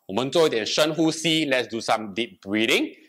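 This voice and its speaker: A man's voice: mid-range voice, expressive, normal speed, a bit bright. A young man leading a fitness class in a gym room, alternating English and Mandarin as he demonstrates and counts repetitions. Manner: switches between English and Mandarin line by line, counting reps. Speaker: fitness instructor. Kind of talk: bilingual exercise class instruction. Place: bright indoor gym room with treadmill.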